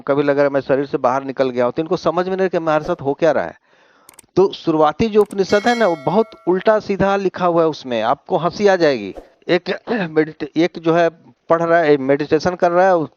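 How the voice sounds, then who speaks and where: A man's voice: on the high side, a little mellow, no echo. A male teacher giving a classroom lecture in Hindi. He mixes in English words and keeps asking his students whether they follow. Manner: asks questions and answers them, often adds 'है ना?'. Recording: dry, slightly dull sound.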